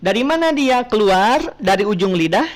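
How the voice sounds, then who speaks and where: A woman's voice: mid-range voice, lively intonation, moderate pace. A woman teaching Quran recitation in an online class, patiently asking her students questions and modelling pronunciation.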